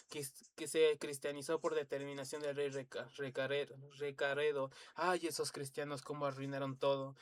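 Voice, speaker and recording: A man reading an encyclopedia lesson aloud, stumbling and restarting words, with dry asides. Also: a little high. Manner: halting, stumbles and restarts words, spells out letters, drops asides. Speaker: reader of an encyclopedia.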